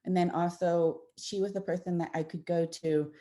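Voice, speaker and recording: A female audiologist gives parents an informal slide presentation, explaining things warmly and conversationally with frequent fillers and restarts. Her voice is lowish, with fairly even intonation and a moderate pace.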